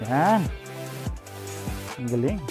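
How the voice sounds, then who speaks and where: Speaking over background music, this Filipino man in his 30s has a medium-pitched, animated voice and stretches out his words. As a real estate agent and channel host, he tours a sunny, open construction site on foot with a clip-on lapel mic, delivering an upbeat, filler-laden sales pitch.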